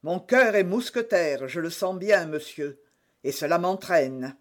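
A man's voice: sits high, expressive, unhurried. A man voicing an earnest, proud young swordsman in an audiobook, speaking courteously.

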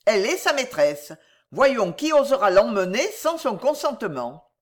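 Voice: medium pitch, sing-song, normal speed, pitched above the performer's own voice, natural voice. A reader voicing a defiant male rogue who speaks in clipped, curt phrases, in an audiobook. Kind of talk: audiobook character voice.

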